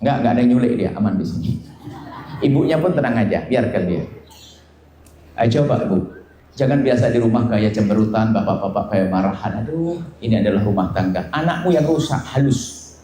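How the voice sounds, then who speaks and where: A man preaching a sermon with humor, sometimes mimicking people in high, nagging voices. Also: expressive, brisk, pauses often, mellow, a little hiss or hum. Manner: playful, jokes and mimics nagging wives and husbands in high voices. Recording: very echoey hall with faint ambience.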